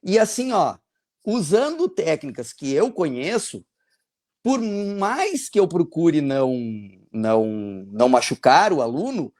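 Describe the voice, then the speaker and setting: A man, a teacher hosting a podcast, talking casually and tagging his points with quick checks for agreement. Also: sits high, sing-song, darkish tone. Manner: conversational, frequent "tá?" tags. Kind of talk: casual discussion.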